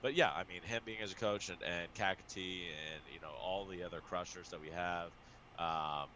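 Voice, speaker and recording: A man, a poker streamer and coach, chatting casually and excitedly, swearing often and restarting his sentences. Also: deep voice, normal speed, slight background noise, rough recording. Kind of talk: casual show chat.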